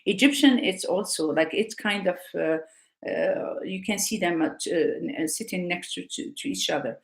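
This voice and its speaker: A woman from North Africa who teaches Arabic, her first language, speaks in a lowish voice at a moderate pace with vocal fry, and the sound is roomy. In this casual live talk she is hesitant, using many fillers and restarts.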